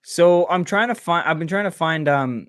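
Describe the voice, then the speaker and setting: A man's voice: fairly high pitch, normal speed, clean tone, dry recording, clean studio sound. A man hosting a casual podcast chat, rambling through his sentences. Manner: rambling, full of restarts. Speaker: podcast host.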